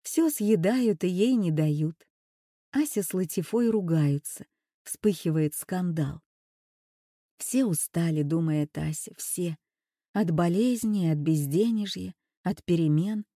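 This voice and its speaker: Woman reading an audiobook, slow and lowish, dry close sound. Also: warm tone, no room sound. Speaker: audiobook narrator. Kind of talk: scripted narration.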